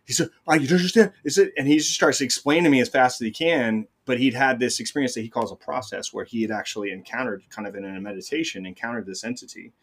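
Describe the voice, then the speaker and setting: A middle-aged man speaks as a guest in a relaxed conversation. His talk comes out very fast and full of restarts as he recounts his story. His voice sits in a middle pitch. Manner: storytelling, rapid, many restarts. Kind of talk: casual conversation.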